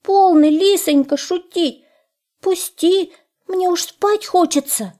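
A woman voicing a timid little male hare who pleads and laments in a high, plaintive voice. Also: takes it slowly, mellow. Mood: pleading.

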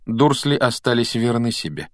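A man reading an audiobook aloud, with measured, expressive storytelling narration. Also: medium pitch, no echo, studio quality. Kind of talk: scripted narration.

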